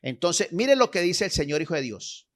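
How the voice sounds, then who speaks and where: A male preacher delivering a sermon with a fairly high-pitched voice. He exhorts the congregation, repeats key phrases for weight and keeps checking in with his listeners, and he reads scripture aloud with emphasis. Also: sing-song, moderate pace.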